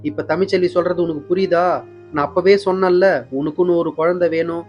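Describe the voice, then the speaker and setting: A man's voice: sits high, fairly even intonation, brisk, dull audio, soft background music, voice pushed up, close to an everyday voice. Man doing a taunting scheming older woman. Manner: taunting, loud. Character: scheming gleeful middle-aged woman.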